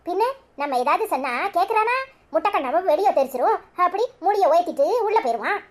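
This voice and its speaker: A woman voicing a sharp-tongued, gossiping middle-aged mother in a cartoon, speaking Tirunelveli Tamil in a conspiratorial manner. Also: very high voice, animated, fast talker. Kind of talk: cartoon voice acting.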